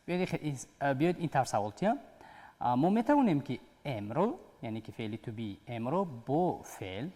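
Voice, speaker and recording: Animated man teaching English. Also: medium pitch. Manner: patient, explaining step by step. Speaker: English teacher hosting a TV quiz lesson. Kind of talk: TV English lesson. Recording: long hall reverb.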